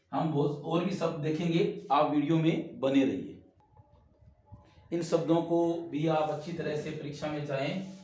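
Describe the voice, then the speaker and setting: A male teacher explains word spellings step by step, repeating each word as he writes it. His voice sits slightly high. The mic is set back from him in a room that echoes strongly. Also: darkish tone, distant mic. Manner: explains while writing on a board, repeating words. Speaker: Hindi grammar teacher. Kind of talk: spelling lesson for exam students.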